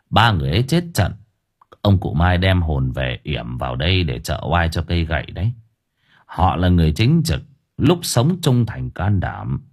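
A man doing a gruff weary old-world uncle. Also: low-pitched, darkish tone, voice pushed down, exaggerated voice. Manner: gruff, scolding, slow and grave. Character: stern weary middle-aged uncle, ritual master.

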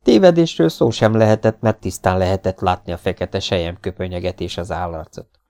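A male audiobook narrator reads a pulp adventure story. His voice is low and deep. His delivery is steady and dramatic. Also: gravelly, clear, resonant tone. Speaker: audiobook reader. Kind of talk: scripted narration.

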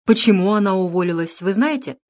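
A composed, sarcastic male detective, as a woman reader puts him on, needling his captive with unhurried mockery. The voice stays cool and even at a middle pitch. An audiobook character reading. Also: close to an everyday voice.

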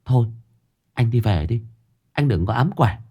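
A man voicing a sharp-tongued, gossipy young village woman in a horror audiobook. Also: mid-range voice, very animated, moderate pace, lo-fi sound, voice pushed up. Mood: scolding. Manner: scolding, chatty, indignant.

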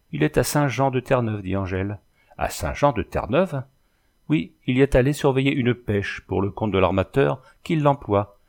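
A man reading a classic novel aloud in a measured, expressive way, including the letters in the story. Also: fairly low pitch, gravelly. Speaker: audiobook reader. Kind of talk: scripted narration of a classic novel.

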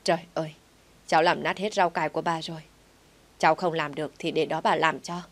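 A woman's voice: sits low, steady tone, brisk, close to an everyday voice. Woman doing a scolding old granny. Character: scolding old grandmother, fussy and quick to complain.

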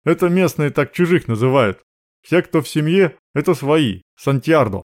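A man voicing an older male guard boss, calm, flat and matter-of-fact. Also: a little high, moderate pace, voice pushed up, natural voice.

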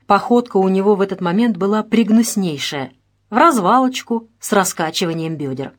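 A woman narrating a detective audiobook in a measured, expressive reading. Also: mid-range voice. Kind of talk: scripted narration.

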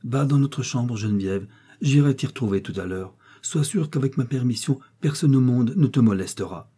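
Guy reading the young miller, firm and steady, dark husky voice. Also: mid-range voice, moderate pace. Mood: reassuring. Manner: firm, resolute.

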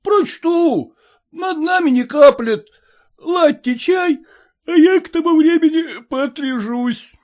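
A man's voice: very high voice, takes it slowly, a little mellow, pitched above the performer's own voice. A male reader voicing a hungover, sleepy young peasant man who drawls and grumbles. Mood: shouting.

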